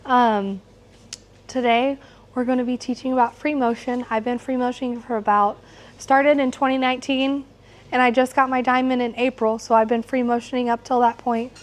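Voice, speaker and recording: A middle-aged woman with a slightly hoarse voice, teaching an informal hands-on quilting class. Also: sits high, level tone, fairly quick. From United States, located in Missouri. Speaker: quilting instructor. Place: shop workroom with warehouse shelving, small seated class. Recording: clear background noise in shop room.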